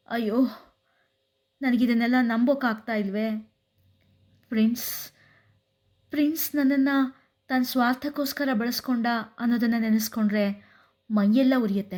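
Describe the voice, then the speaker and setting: A woman's voice: a little high, darkish tone, lightly acted. Woman doing a grieving young woman, betrayed, anguished monologue. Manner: anguished, self-blaming inner monologue.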